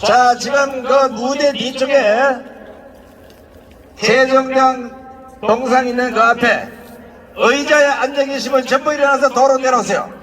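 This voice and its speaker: A man's voice: extremely high pitch, fairly even intonation, measured pace, pauses often, fairly bright tone, slight background noise. A man acting as master of ceremonies at an outdoor rally, giving directive, exhorting announcements. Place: outdoor street rally stage. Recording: long reverb from outdoor PA.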